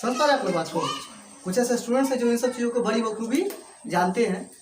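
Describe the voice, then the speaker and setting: A man's voice: extremely high pitch, fast talker, reverberant, slight background noise. A man teaching English to a class with an Indian accent, repeating points and often checking that students follow. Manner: repetitive, checks understanding often.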